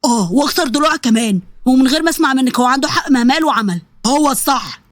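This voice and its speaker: A woman's voice: high-pitched, expressive, rapid-fire, no echo, clean studio sound. A woman voicing a stern, scolding older father with an Egyptian accent in a story. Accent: Egyptian Arabic. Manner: scolding, authoritative.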